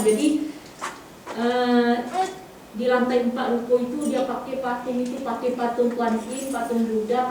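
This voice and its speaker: A middle-aged woman giving a sermon testimony, telling her story in a lively way and acting out the voices of the people in it. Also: fairly high pitch, a little hiss or hum. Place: church hall. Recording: echoey hall from far off.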